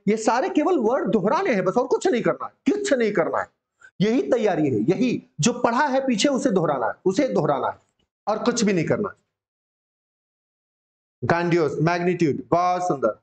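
A male English vocabulary teacher, drilling words with students in a casual, encouraging coaching-class manner. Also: sits high. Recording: dull lo-fi sound.

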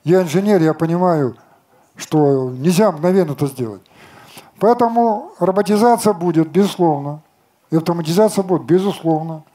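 Older man with a dark, mellow voice. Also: a little high, moderate pace. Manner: confident, lecturing, rhetorical questions, brushes off objections. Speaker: company chief designer answering questions. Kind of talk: outdoor stage talk and Q&A. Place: outdoor festival stage.

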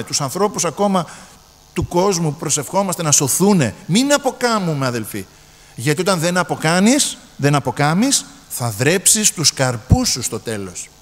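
A man's voice: a little high, big-room sound. A man preaching a sermon emphatically, repeating his phrases and often addressing the brethren.

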